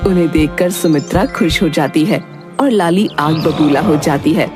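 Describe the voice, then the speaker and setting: A woman narrating a cartoon story in a calm, even storytelling manner. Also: deep voice, normal speed, over music.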